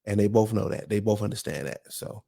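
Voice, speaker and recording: A man co-hosting a casual chat, relaxed and laid-back, with slangy talk. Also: on the low side, fairly quick, gravelly.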